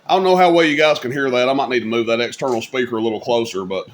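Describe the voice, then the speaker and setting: A man with a mid-range voice talks rapid-fire, hosting a hobbyist video where he gives a casual, folksy, rambling hands-on product demo. The recording is clear, with background noise.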